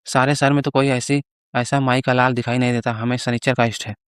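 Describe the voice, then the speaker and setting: A gluttonous rival priest, as a man telling the story puts him on, sulky and boastful as he trades brags. The voice is clear and resonant, recorded close with no room sound. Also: medium pitch, little pitch movement, a little fast, dry recording, close to an everyday voice.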